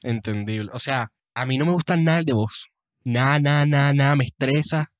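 A young Venezuelan man co-hosting a casual podcast, telling stories with lively acted-out quotes and frequent laughter. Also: mid-range voice, a little fast, dry recording, studio quality. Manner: animated storyteller, laughs often, acts out quotes. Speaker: podcast co-host. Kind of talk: casual chat.

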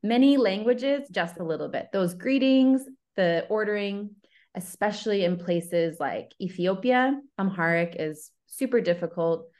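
A love coach appears as an interview guest in a casual conversation, and her talk is earnest, enthusiastic and rambling. Her voice sits at medium pitch with a darkish tone, and she speaks a little slowly.

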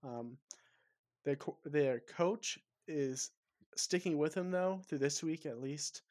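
A man's voice: fairly high pitch, slow, a little mellow, dry recording. A man co-hosting a casual sports podcast, talking football with lots of ums and restarts. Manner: hesitant, many ums and restarts. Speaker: podcast co-host.

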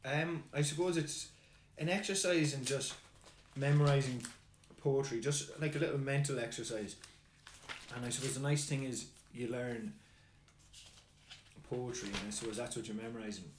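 A man co-hosting a podcast, chatting casually with plenty of swearing and rambling in quick bursts. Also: medium pitch, steady tone, reverberant, a little hiss or hum. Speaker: podcast co-host. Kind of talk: casual chat.

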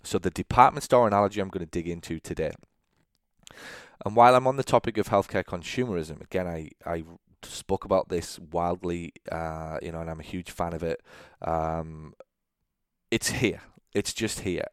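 Brief: young adult male podcast host, very low voice, chatty solo monologue, dry close sound. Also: moderate pace, clear, resonant tone, no echo. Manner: conversational, checks in with "okay?", frequent fillers and restarts.

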